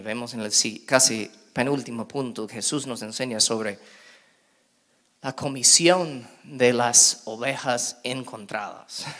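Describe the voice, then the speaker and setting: A middle-aged man preaching a sermon in an animated way, acting out quoted voices with big jumps in pitch. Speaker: pastor.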